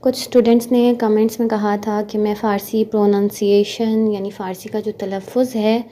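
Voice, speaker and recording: A woman's voice: mid-range voice, warm tone, a little hiss or hum. A woman with an Urdu-speaking accent teaching an online language lesson, explaining sounds patiently step by step. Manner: patient, explains step by step, often checks with "theek hai".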